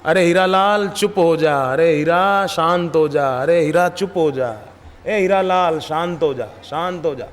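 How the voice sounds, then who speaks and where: A man's voice: on the high side, unhurried, in a large hall, natural voice. A preacher doing an exasperated father. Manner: repetitive, pleading. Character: exasperated father trying to calm himself.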